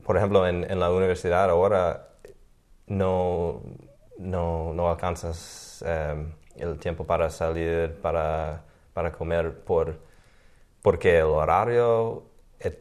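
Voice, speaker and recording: A man's voice: low voice, level tone, a little mellow. A man from Maine, chatting hesitantly in a casual conversation, restarting his words often. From Maine, USA. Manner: hesitant, halting with many restarts. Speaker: conversation partner. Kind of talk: casual chat in Spanish.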